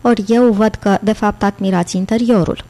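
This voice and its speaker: A woman's voice: medium pitch, fairly even intonation, dark tone, close to an everyday voice. Suspicious young altar boy, voiced by a woman. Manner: curt, suspicious.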